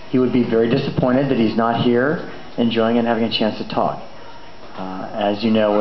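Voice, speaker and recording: A middle-aged man giving a eulogy in an informal, conversational and hesitant way, with rambling asides. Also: on the low side. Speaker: son of the deceased giving a eulogy. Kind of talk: informal eulogy at a memorial gathering. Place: large indoor memorial venue. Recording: echoey room, muffled, faint background noise.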